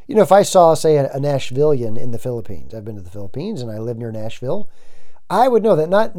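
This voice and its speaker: Male preacher from the US, mellow and slightly high-pitched, emphatic sermon delivery. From United States. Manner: earnest, emphatic, rhetorical questions.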